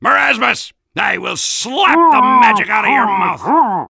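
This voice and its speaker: A man playing an excitable fighter who barks taunts and orders in a comedic cartoon fan dub. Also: high-pitched, a little slow, creaky, full character voice. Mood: agitated, combative. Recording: loud gunfire and battle noise.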